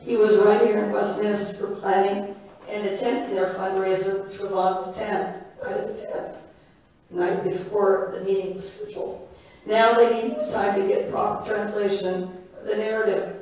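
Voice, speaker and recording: A hoarse woman whose voice is nearly gone gives a public comment to a city council, blunt and sarcastic. She stands well back from the microphone, and the big council chamber rings with echo around her. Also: mid-range voice, level tone, measured pace, a little mellow. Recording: echoey council chamber, far from the mic.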